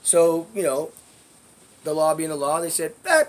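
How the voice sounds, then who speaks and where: A man casually telling a story in a vlog, rambling and swearing, dropping to low asides and then bursting out loudly. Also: level tone, moderate pace. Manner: profane, rambling, loudness swings between low asides and emphatic bursts. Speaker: vlogger telling neighborhood stories.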